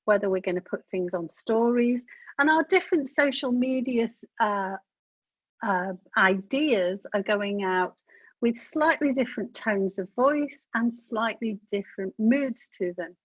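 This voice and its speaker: A woman presents an instructional business webinar in a chatty, practical style, addressing her audience directly. Her voice is on the high side and slightly rough at a measured pace, and the dull, dry webinar audio has no room sound.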